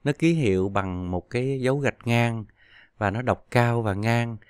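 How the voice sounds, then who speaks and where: A man's voice: mid-range voice, clean tone, no echo. Patient male language teacher, dry close sound. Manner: patient, drawn-out model syllables. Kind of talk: explaining pronunciation lesson.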